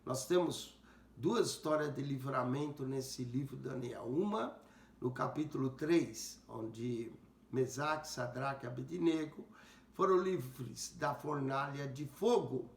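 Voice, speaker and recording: A male pastor teaching a Bible passage, speaking deliberately and repeating verses to comment on them. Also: mid-range voice, gravelly. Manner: slow, deliberate, rereads verses aloud and comments. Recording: roomy echo.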